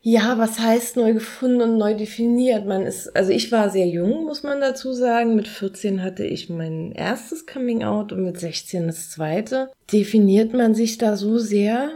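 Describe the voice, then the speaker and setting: Mellow-voiced woman in her thirties chatting. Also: on the high side, measured pace, hardly any pauses. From Berlin, Germany. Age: 30s. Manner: relaxed storytelling, laughs often. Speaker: podcast co-host. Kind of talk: casual podcast chat.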